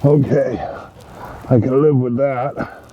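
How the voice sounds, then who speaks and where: A man's voice: mid-range voice, fairly even intonation, slow, dark tone, dull audio. A man giving a casual, rambling how-to while planting trees outdoors, with many fillers and asides to his viewers, recorded on a camera set down nearby. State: back tightening up, a bit strained. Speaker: tree planting vlogger. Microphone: camera mic, set down nearby.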